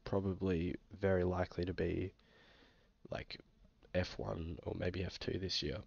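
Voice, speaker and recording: This young Australian man has a deep, darkish, slightly rough voice with vocal fry, delivered flatly and a little slowly. A fantasy football vlogger who's a bit sick and coughs occasionally, he works through a screen-share review in a casual, hesitant way with many fillers. The recording from his small indoor room is muffled.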